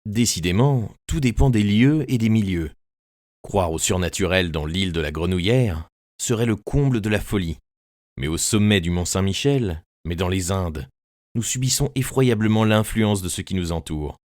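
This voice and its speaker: Deep-voiced man narrating a tale. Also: expressive, a little mellow, no room sound, clean studio sound. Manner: measured, immersive storytelling. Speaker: audiobook narrator. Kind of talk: scripted first-person literary narration.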